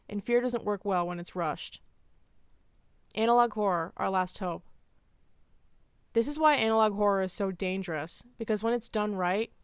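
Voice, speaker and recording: In a very dry recording without room sound, a woman video essayist delivers scripted opinion pieces deadpan, stressing key phrases firmly. She has a clean, smooth voice pitched around the middle for a woman.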